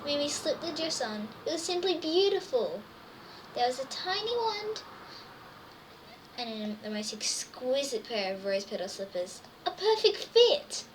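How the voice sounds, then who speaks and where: A woman reads a children's storybook aloud to young listeners, her high, sing-song voice moving at a measured pace and brimming with wonder and exclamation. The mic is distant, with faint background noise.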